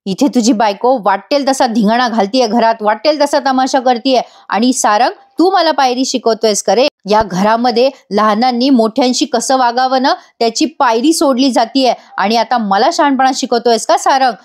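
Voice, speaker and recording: A woman's voice: fairly high pitch, normal speed, few pauses, close to an everyday voice. A woman voicing an angry, hot-headed grown man who scolds his family. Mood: shouting angry. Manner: scolding, accusing.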